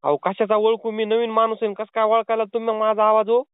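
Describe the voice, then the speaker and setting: Posing as a delivery man on a prank call, a man pleads insistently, talking fast in a high-pitched, level, smooth voice. The phone line makes the recording tinny, with no room sound.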